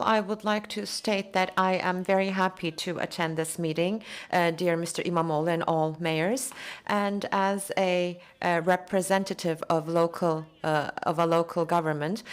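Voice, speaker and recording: Low-voiced woman interpreting a speech. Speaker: conference interpreter. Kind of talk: simultaneous interpretation of speeches into English.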